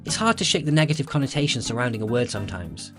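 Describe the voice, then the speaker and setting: A man reads documentary narration in a reflective tone. He moves briskly through his lines. Music plays clearly beneath his voice. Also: mid-range voice, very animated. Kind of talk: scripted narration.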